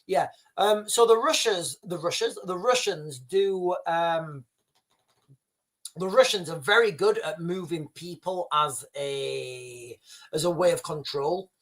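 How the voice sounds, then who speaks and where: This Yorkshire man hosts a casual livestream, reading out viewer comments in a slow voice that sits on the high side. He rambles, repeating and restarting phrases, and often calls his viewers "guys."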